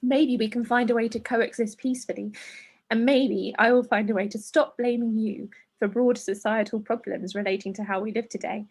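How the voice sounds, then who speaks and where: A woman's voice: a little high, steady tone, moderate pace, a little mellow, breathy edge. A woman co-hosting a podcast, chatting and reading aloud a listener's letter, emotional and laughing through tears. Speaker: podcast co-host. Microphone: video call.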